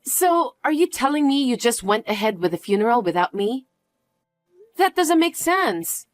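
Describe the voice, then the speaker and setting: A woman's voice: fairly high pitch, sing-song, normal speed, faint music behind. A young adult woman narrating a dramatized story, incredulous and questioning as she voices herself.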